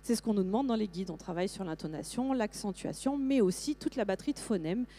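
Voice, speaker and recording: A middle-aged woman giving a lively conference talk to teachers, with frequent fillers and restarts. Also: medium pitch, fast. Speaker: teacher trainer presenting to teachers.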